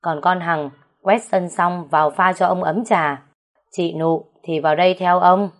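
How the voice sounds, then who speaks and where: A woman's voice: lowish voice, steady tone, measured pace. A woman voicing a stern middle-aged man who heads the household and gives orders. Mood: gruff. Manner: bossy, commanding.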